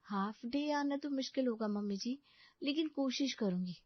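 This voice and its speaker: A woman's voice: sits high, moderate pace, dry recording. A woman playing a polite young working wife. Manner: polite, deferential. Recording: dull lo-fi dry recording.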